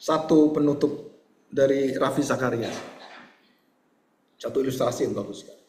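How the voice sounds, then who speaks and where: A man's voice: normal speed, reverberant, slight background noise. A male pastor preaching a sermon, telling stories animatedly and acting out their voices, then leading a prayer. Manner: animated storytelling, acts out voices with high pitch.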